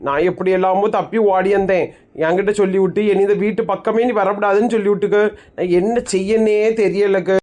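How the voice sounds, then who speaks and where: A woman voicing a blunt, sharp-tongued young village woman with a Kanyakumari Tamil accent. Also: mid-range voice, steady tone, fairly quick, pitched below the performer's own voice, lightly acted. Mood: chatty.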